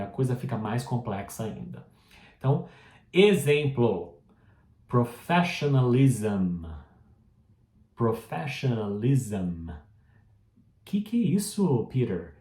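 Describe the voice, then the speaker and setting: A Brazilian man gives a patient pronunciation lesson, saying each model word slowly and asking the viewer to say it back. His voice is mellow and unhurried. It has a medium pitch and is recorded in a roomy, echoing space. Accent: Brazilian Portuguese. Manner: patient, repeats model words slowly, asks the viewer to repeat; frequent checking tag questions. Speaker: English pronunciation teacher. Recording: roomy echo.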